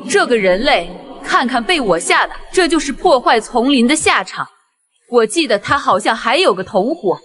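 A woman's voice: on the high side, big pitch swings, normal speed, a bit bright. A woman voicing a sly, menacing female bear with human cunning in a cartoon game parody, taunting and falsely reassuring. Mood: gloating. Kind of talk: fan game-animation dub.

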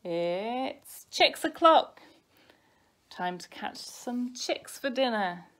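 A woman's voice: a little high, animated, very slow, fairly bright tone, heavily acted. A woman voicing a young boy wolf, an exasperated big brother in a storybook, with emphatic, dramatic delivery. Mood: eager, scheming. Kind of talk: storybook character voice.

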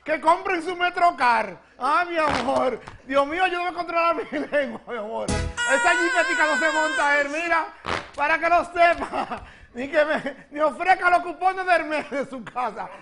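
A man's voice: extremely high pitch, moderate pace, creaky, pushed and bright, soft background music, exaggerated voice. A man playing a flamboyant, gossiping country woman from the Dominican Republic who hosts a comedy gossip segment, speaking with a Dominican accent, giggling and calling everyone "mi amor". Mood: sassy. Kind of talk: TV comedy sketch character.

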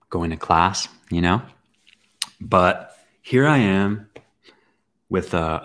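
A young man hosting a podcast, telling a personal story in a casual, animated way, with swearing and acted-out reactions. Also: deep voice. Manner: animated, swearing, acts out his own reactions. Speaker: podcast host.

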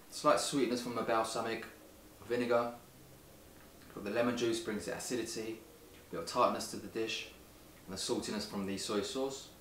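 A man hosting a home cooking video, giving clear step-by-step instructions and tasting the dish in his kitchen. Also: lowish voice, fairly bright tone, a little hiss or hum. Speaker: cooking show host. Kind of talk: recipe narration and tasting. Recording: background music under voice.

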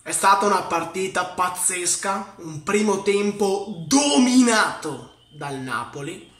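A man in his twenties giving live fan football commentary in speech, excitable and dramatic, with anxious, emphatic repetition. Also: high voice, slow. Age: 20s. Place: room at home, indoors. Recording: roomy indoor echo.

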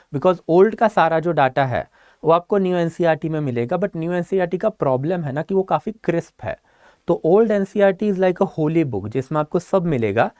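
A man's voice: on the high side, a little mellow, dry recording, clean studio sound. A man teaching an online exam-prep lecture, explaining step by step and often checking that students follow. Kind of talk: online lecture mixing Hindi and English.

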